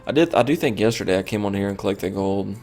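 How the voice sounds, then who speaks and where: A man's voice: fairly low pitch, fast talker, a little mellow, soft background music. A tired man streaming a game, rambling and thinking aloud with lots of fillers as he comments casually.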